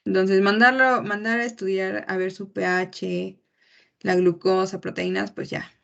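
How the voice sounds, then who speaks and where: A young woman giving a medical class presentation, explaining in a measured way with frequent pauses and fillers. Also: medium pitch, little pitch movement, vocal fry, a bit bright. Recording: muffled lo-fi recording.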